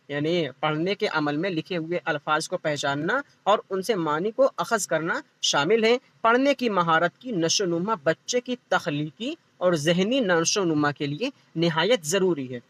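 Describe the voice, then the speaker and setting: High-voiced man teaching an exam class. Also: fairly bright tone. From India. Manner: repeats each point, asks and answers his own questions. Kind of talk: exam-prep lecture.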